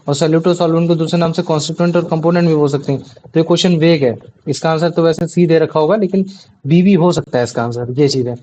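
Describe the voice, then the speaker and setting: In a fairly high, darkish voice, a male science teacher walks through the material step by step and checks understanding with frequent tag questions. Slight background noise and dull lo-fi sound accompany him.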